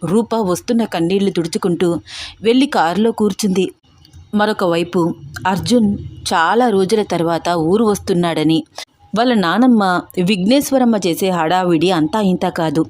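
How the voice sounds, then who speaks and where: Female story narrator, steady and even, dry close-miked sound. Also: on the low side, moderate pace, no echo.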